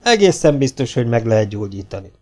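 A man's voice: medium pitch, sing-song, close to an everyday voice. A man voicing a pompous, condescending young asylum doctor with a patronizing, self-satisfied manner. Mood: smug.

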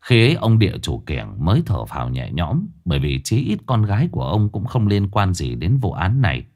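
Man telling a ghost story, lively low voice. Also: a little fast. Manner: theatrical, swinging delivery. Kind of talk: dramatic ghost story narration. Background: faint music.

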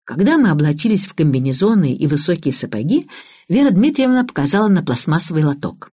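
Woman audiobook narrator, low husky voice, animated first-person telling. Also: quick pace, dry recording, studio quality. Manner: lively storytelling.

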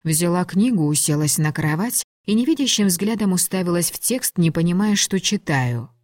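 A woman narrating a first-person audiobook in an expressive, wry way. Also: lowish voice, moderate pace, no echo, studio quality.

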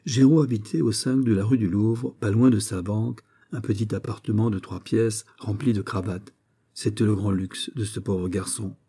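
Low husky male audiobook narrator. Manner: measured, steady storytelling. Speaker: audiobook reader.

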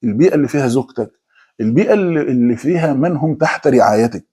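A middle-aged man with an Egyptian accent giving a conversational religious talk, slipping into quick mock voices of people making excuses. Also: mid-range voice, lively intonation, mellow, breathy edge. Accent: Egyptian Arabic. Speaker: preacher.

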